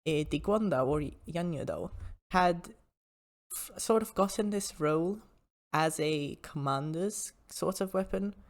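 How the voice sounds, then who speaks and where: A woman's voice: lowish voice, unhurried. A woman hosting an informal explanatory history talk, with hesitant asides as she explains.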